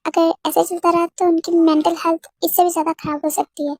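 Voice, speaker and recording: A firm woman doctor, as a reader puts her on delivers her warning in a stern, matter-of-fact way. The voice is very high, and the sound is dry and close. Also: little pitch movement, fairly quick, a little mellow, no echo.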